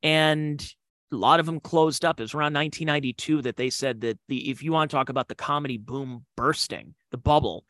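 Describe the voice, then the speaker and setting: A man's voice: on the high side, brisk, fairly bright tone, no echo. A man hosting a podcast, telling comedy club stories in a rambling, digressive way with slangy asides. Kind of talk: casual storytelling.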